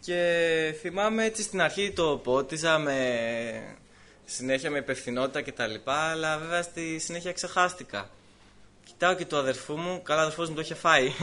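A man whose voice sits on the high side recounts his testimony in church. The telling is lively, broken up by laughter and hesitation, with quotes spoken in character.

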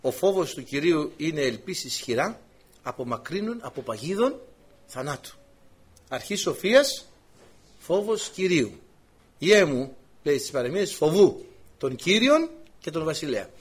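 A man's voice: fairly high pitch, long pauses, slightly rough. A man preaching a sermon, retelling scripture stories with voiced quotes and direct questions to the congregation. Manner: animated storytelling with voiced quotes.

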